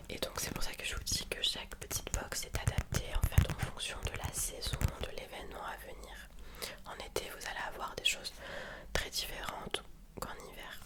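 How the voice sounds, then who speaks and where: A woman with a cold whispers a soft, unhurried ASMR sponsored product read, gently presenting an unboxing. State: has a cold and sore throat. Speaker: ASMR video creator presenting a sponsored box.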